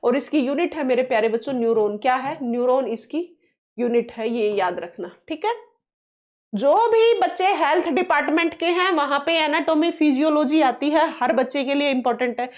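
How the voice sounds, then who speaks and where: A woman with a high voice teaches a science lesson for exam preparation. She asks questions and answers them herself, hammering home the key terms. She keeps reassuring her students. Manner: coaxing, reassuring tone toward students; reads English question text slowly.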